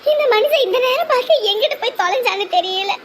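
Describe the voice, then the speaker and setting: A woman's voice: very high-pitched, animated, fast talker, fairly bright tone, a little hiss or hum. A woman voicing a thrifty village mother who laments and scolds in broad rural speech. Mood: pleading.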